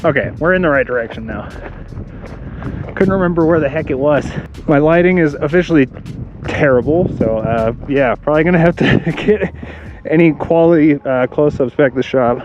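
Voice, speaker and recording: Man, out of breath, excited outdoor vlog, camera mic, slightly muffled, faint hiss. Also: fairly high pitch, normal speed. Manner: enthusiastic, chatty, laughs often. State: out of breath from power hiking. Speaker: rock hunting vlogger. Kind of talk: casual vlog narration while hiking. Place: outdoors at dusk on a rocky hillside. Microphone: action camera and phone.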